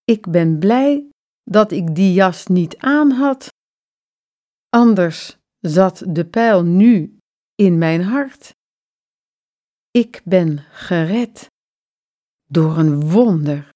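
A woman's voice: on the low side, expressive, warm tone, no room sound, studio quality. A woman doing a boastful old storybook man. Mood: exclaiming. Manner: slow, emphatic storybook voicing.

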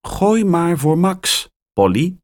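A man's voice: a little high, very animated, slow pace, pitched above the performer's own voice. A man voicing an eager, cheerful young girl in a children's story, his voice raised and bouncy. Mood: excited.

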